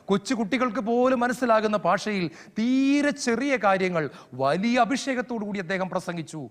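A man's voice: high-pitched, fairly bright tone, long reverb tail. A man preaching a fervent sermon, building his points through rhythmic repetition.

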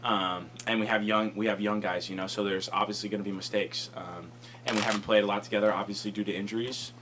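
Fast-talking young man at a press conference. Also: on the low side, fairly even intonation, background noise. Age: young adult. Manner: fast, rambling, many fillers like "you know" and "um". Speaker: college football offensive lineman. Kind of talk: post-game press conference answers. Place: press conference room, indoors. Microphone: table microphone.

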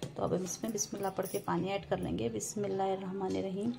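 A cooking vlogger films in her home kitchen beside a frying pan, her phone camera set above the stove showing only her hands. Her mid-range, gravelly voice stays unhurried and homely as she walks viewers through a recipe step by step, often calling them "nazreen." Oil sizzles loudly in the pan throughout.

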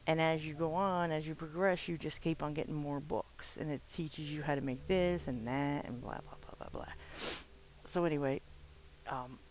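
A gamer, stuffed up and nasal after swimming, chats casually through a let's play, rambling with plenty of fillers and an occasional swear word. His mid-range voice holds a steady tone at a moderate pace. A faint hiss or hum sits in the background.

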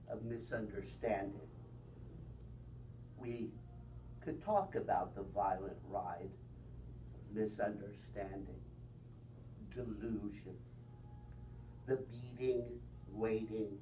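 Middle-aged male poet, unhurried wry reading at a bookstore open mic, heard from across the room. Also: mid-range voice, mellow. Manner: slow, deliberate reading with wry asides. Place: bookstore room with small audience. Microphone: far camera. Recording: distant, faint room noise.

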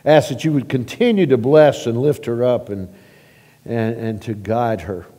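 A man leading a church prayer at a pulpit microphone, halting with repeated words and swelling louder as he prays. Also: mid-range voice. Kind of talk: spoken church prayer and announcements. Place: church sanctuary. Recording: long reverb of a church sanctuary.

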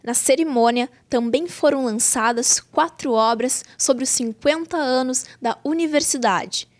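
A young woman reporter with a high voice reads a news voice-over in a clear, scripted way. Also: measured pace.

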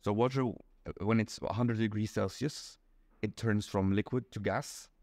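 A man's voice: lowish voice, fairly even intonation, normal speed, a little mellow, no echo. Young Belgian man explaining patiently. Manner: patient, explains step by step with many ums. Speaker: interview guest. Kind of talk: casual explanatory chat. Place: small indoor room.

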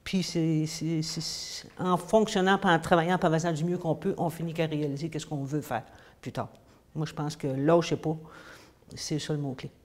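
A woman's voice: low voice, steady tone, normal speed. A woman in her fifties with a Quebec French accent, a teacher answering interview questions in a small room, hesitant with many fillers. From grew up in the United States, then Quebec. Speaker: English teacher. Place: indoors, small room against a plain wall.

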